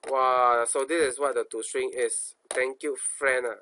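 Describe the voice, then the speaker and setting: A programming instructor with a Singaporean accent gives an informal coding tutorial in a mid-range voice, thinking aloud in colloquial speech. He asks himself questions and repeats phrases at a measured pace, his intonation fairly even and his tone pushed and bright. There is slight background noise.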